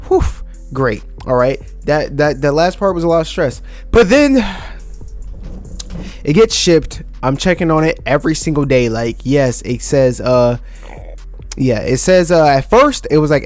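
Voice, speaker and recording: A young man telling a story in a casual vlog, animated and excitable, swearing freely. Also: fairly high pitch. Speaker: YouTuber.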